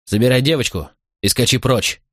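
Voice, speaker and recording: A man voicing a firm, resolute young Roman officer in an audiobook, giving quick commands. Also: medium pitch, fairly bright tone, husky, no room sound, studio quality, pitched above the performer's own voice. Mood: commanding.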